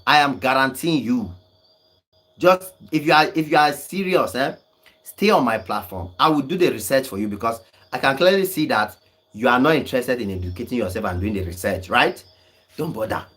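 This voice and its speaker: A young man streaming online argues back at viewer comments, scolding with emphatic insistence and laughing often. His voice is medium-pitched and fairly bright, the tone of an argumentative online commentator.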